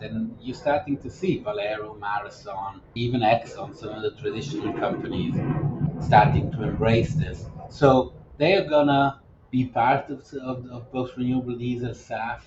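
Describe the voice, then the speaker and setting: A business development advisor answers interview questions in a measured, explanatory way, often restarting his sentences. His voice is mid-range, and the recording sounds roomy, with the highs cut off and a noisy background.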